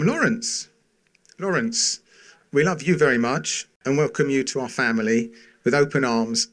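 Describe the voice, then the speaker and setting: Father of the bride at the wedding toast: middle-aged man, mid-pitched voice, affectionate and sincere, gentle humour, phrases set apart by pauses.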